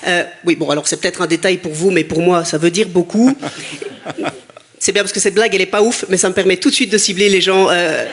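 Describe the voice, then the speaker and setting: A young man from Brussels doing stand-up comedy, joking with the crowd and mocking himself, in a high, soft voice that wavers. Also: steady tone, brisk. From Brussels, Belgium. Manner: joking banter with the audience, self-mocking. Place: theater stage before a live audience. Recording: live stage recording with loud crowd. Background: loud audience laughter and cheering.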